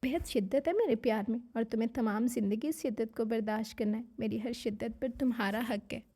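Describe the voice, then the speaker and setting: A possessive young husband teasing his wife, playful and mock-formal, as a woman narrator puts him on. The voice sits fairly high. It has the light touch of a storybook reading. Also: fairly quick, dark tone, husky.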